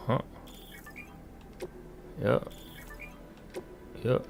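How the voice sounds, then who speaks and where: A man's voice: extremely slow, darkish tone. A man hosting a gaming video, giving casual, slangy commentary as he thinks aloud. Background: game music.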